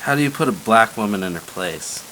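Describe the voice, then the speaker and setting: A man co-hosting a comedy podcast, firing off dry deadpan quips. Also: fairly low pitch, brisk. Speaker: podcast co-host. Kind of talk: casual comedy podcast chat. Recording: steady rain noise behind.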